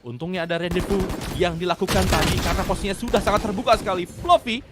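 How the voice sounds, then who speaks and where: High-voiced Indonesian man, excitable esports announcer. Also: fast. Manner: excitable, exclaims and builds tension with rhetorical questions. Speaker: esports play-by-play caster. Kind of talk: live game commentary like a fighting game announcer. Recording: clear game gunfire and clicking noise.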